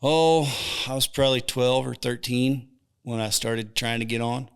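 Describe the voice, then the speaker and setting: A man in his thirties with a Texan accent, a rancher and songwriter chatting as a podcast guest, relaxed and joking dryly. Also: medium pitch, unhurried, vocal fry, smooth. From Texas. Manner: dry joking, relaxed drawl. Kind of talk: casual interview chat. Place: saddle shop.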